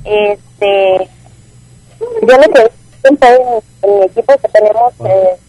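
A woman's voice: medium pitch, slow, dark tone, no room sound, low-quality recording. A Mexican woman in her twenties, a football player giving brief, polite answers in a phone interview. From Jalisco, Mexico. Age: 20s.

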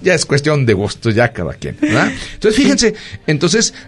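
A man's voice: a little high, normal speed, slightly rough. A man with a Mexican accent, a doctor hosting a casual radio chat, telling stories with lots of fillers. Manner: storytelling, animated, lots of fillers.

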